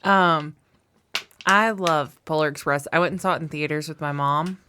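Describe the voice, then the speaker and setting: A woman's voice: deep voice, normal speed, sharp tone, slight background noise. A woman co-hosting a comedy podcast, talking bluntly and casually, swearing and laughing often. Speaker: podcast co-host.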